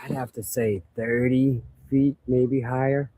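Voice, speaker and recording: A man out of breath, excitedly narrating as he walks outdoors by a river canal, filming on a handheld camera. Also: mid-range voice, a little slow. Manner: excited, amazed commentary. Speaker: vlogger exploring ruins. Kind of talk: outdoor walking vlog. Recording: noisy outdoor ambience.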